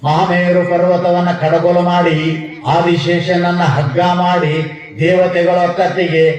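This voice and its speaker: A man's voice: high voice, a little mellow. A man gives a humorous devotional sermon to a crowd, teasing his listeners and chanting Sanskrit verses. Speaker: spiritual speaker. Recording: very echoey, from far off the mic.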